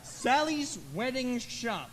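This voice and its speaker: A teenage boy playing a smooth-talking young gambler in a school musical, coaxing and slangy. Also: very high voice, very animated, takes it slowly, background noise, full character voice. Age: teens. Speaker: student actor in a school musical. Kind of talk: stage musical acting. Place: school auditorium stage.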